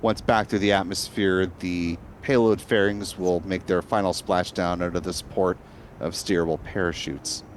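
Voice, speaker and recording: A man's voice: deep voice, steady tone, normal speed, slight background noise. A man hosting a live launch webcast, explaining events in a composed way.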